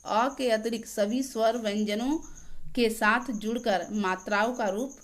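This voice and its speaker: A woman teacher reads out a grammar lesson at an unhurried, deliberate pace. Her voice sits a little high, and she dictates each example word by word, as if for note-taking. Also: fairly even intonation. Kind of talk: grammar lesson read aloud.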